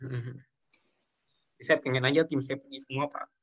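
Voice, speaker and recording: A man's voice: mid-range voice, fairly even intonation, normal speed, fairly bright tone. A young man from Indonesia, speaking earnestly as an interview guest and often addressing the host respectfully. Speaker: guest sharing his business story. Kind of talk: emotional interview talk.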